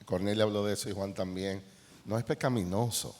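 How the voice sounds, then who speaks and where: A man's voice: on the low side, brisk. A middle-aged man with a Dominican accent, a counselor speaking on a conference panel, telling anecdotes. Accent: Dominican Spanish. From Dominican Republic. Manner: storytelling, animated anecdotes with quoted dialogue. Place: large conference hall. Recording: reverberant hall.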